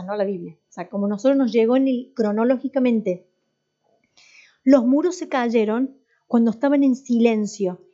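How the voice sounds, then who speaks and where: A woman with a high, mellow voice teaches a church class, talking it through casually and quizzing the students as she goes. She often breaks off and restarts her sentences. The recording sounds dull and lo-fi. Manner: conversational, asks the class questions, many restarts. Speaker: worship and voice teacher.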